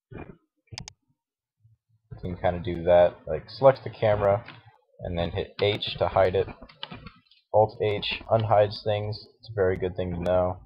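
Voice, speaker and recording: Low, groggy man on a lo-fi mic. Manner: hesitant, many fillers and restarts. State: groggy morning voice. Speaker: tutorial host. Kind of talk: casual screen-recorded software tutorial. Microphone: cheap computer microphone. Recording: dull lo-fi mic with faint hiss and mouse clicks.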